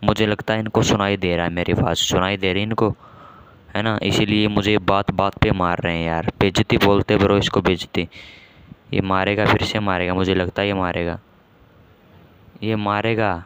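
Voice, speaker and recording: A man hosting a gaming channel, giving casual commentary on a match with excitable, self-mocking banter and lots of repeated exclamations. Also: low voice, normal speed, clear, resonant tone. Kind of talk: casual live game commentary.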